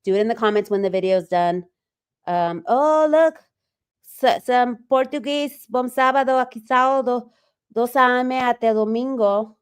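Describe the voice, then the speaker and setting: A woman hosting a relaxed livestream, her voice smooth and clear. She talks loosely and stops often to read viewer comments aloud, filling pauses with ums and uhs. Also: on the high side. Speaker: livestream host. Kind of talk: casual livestream chat.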